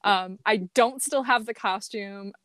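A woman's voice: mid-range voice, unhurried, a bit bright, clean tone, no room sound, studio quality. A woman talking casually as a podcast guest, telling anecdotes in an earnest, conversational way. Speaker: podcast guest, amateur performer and cosplayer. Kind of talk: casual chat.

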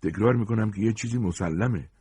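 A man's voice: fairly low pitch, dark tone, husky, no echo, voice pushed up. A man voicing an uneasy young man in a gang, hesitant as he speaks up.

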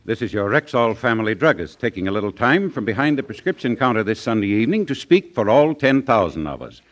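A man reading a scripted commercial in an earnest, measured pitchman delivery, with the sound of an old radio broadcast. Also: sing-song. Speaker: commercial announcer.

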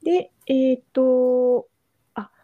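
A woman's voice: high voice, fairly even intonation, takes it slowly, no echo, phone-quality sound. A woman with a Kansai accent hosting a casual podcast chat, asking follow-up questions and laughing often. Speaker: podcast host.

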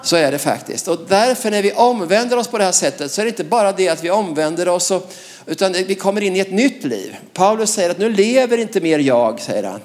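Preacher guy, pretty high voice, fired up and emphatic, keeps tossing in little laughs. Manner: lively and emphatic, laughs between phrases, frequent "va?". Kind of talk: sermon.

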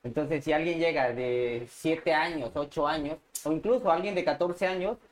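Guest spot: Mexican man, forties, foul-mouthed and animated, average pitch, faint hiss under him. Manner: profane, lively, slips into quick imitations of other speech. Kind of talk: casual chat.

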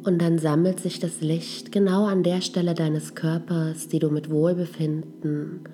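A woman leading a guided healing meditation in a soft, gentle, breathy voice that trails toward a whisper. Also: sits low. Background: music.

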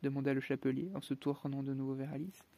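A man narrating a storybook in a steady, measured reading. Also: mid-range voice, creaky. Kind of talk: audiobook narration.

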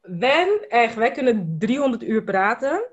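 A woman's voice: a little high, very animated, unhurried. A woman hosting a podcast, talking in an affirming, spiritual way while she asks her guest questions. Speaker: podcast host. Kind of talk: casual podcast chat. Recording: dull, slightly lo-fi sound.

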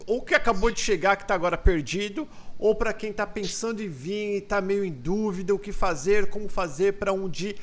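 High-voiced joking Brazilian host. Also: male voice, normal speed, hardly any pauses. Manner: jokey, slangy banter. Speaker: podcast host. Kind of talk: live podcast interview.

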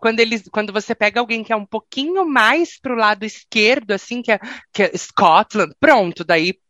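A woman's voice: on the high side, normal speed, no echo. A woman with a Brazilian Portuguese accent, telling funny stories in casual chat, laughing and swearing now and then. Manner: lively storytelling with laughs and swearing.

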